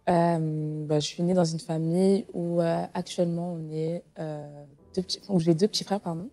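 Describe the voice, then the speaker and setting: Hesitant young woman, dark voice. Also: on the low side, fairly even intonation, moderate pace, faint music behind. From Portugal. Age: 20s. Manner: hesitant, many fillers and restarts. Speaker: guest sharing testimony. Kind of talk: casual testimony interview.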